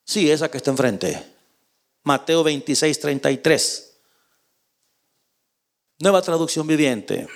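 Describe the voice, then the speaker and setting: A male preacher delivers a dramatic sermon in a high, very animated voice. He reads scripture aloud and speaks straight to his congregation. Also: unhurried, pauses often. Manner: addresses the congregation directly.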